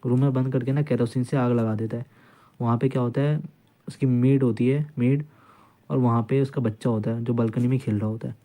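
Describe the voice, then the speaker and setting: A man lectures on law in a relaxed, informal way, walking through cases step by step and repeating phrases to make them stick. His voice is very dark and mellow, sitting at an ordinary middle pitch. He drops English legal terms into his talk as he explains. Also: a little fast. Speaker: law tutor.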